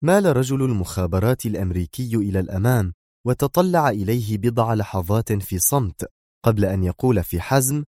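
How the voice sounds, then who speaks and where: Brief: low, dark-toned male audiobook narrator, measured pace, dry booth. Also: dry recording. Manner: steady, measured.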